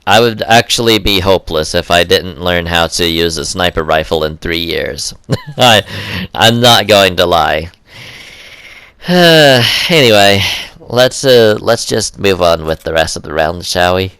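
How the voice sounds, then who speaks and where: A young man rambles through casual gameplay commentary, hesitating constantly with ums and uhs. His voice sits low but sounds bright and crisp. It is recorded dry, with no room sound. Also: normal speed, dry recording.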